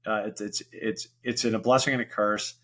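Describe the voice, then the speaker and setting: Here a middle-aged venture investor talks briskly in a lowish, fairly bright voice that barely moves in pitch. As a podcast guest in a casual interview, he's open and wandering, constantly dropping "you know" fillers.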